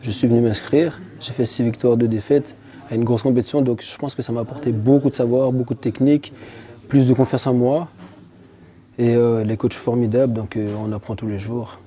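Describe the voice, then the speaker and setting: A young man in his twenties speaks with a very dark, mellow tone. He answers questions as an amateur fighter, earnest and confident, with a boastful streak. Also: mid-range voice, steady tone, fairly quick. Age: 20s. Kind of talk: casual interview answers.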